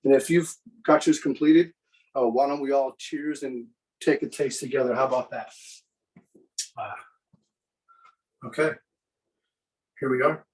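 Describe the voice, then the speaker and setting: A man's voice: mid-range voice, a little slow, pauses often, recorded from a distance, rough recording. Man demoing a recipe, a bit off-mic. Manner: relaxed, chatty, with fillers. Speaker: cooking demo presenter. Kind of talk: live cooking demonstration.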